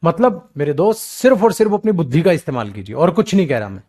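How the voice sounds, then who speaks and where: A teacher preparing students for government exams lectures quickly on English grammar, giving English examples with Hindi explanations. Animated, he scolds and coaxes them affectionately, calling them beta, and mimics whining students in a low, weak voice.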